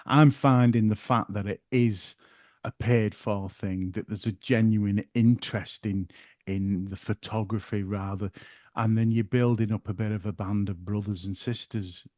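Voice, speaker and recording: Chatty podcast host. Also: male voice, fairly low pitch, unhurried, no echo, studio quality. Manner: relaxed, chatty, uses northern dialect words. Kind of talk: casual interview chat.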